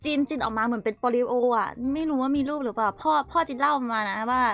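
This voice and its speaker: A woman's voice: sits high, a bit bright. A young woman casually telling stories while showing old photos, chatty and often laughing. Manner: giggly, chatty, frequent laughter and quick asides. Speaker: streamer.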